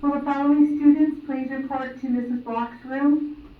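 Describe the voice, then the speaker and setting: A woman's high voice comes through a school intercom loudspeaker, thin and tinny like a phone line. She is heard from across an echoey classroom as she slowly and formally calls out names one at a time. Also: steady tone, distant mic. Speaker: school staff making announcements. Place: classroom, over a wall speaker.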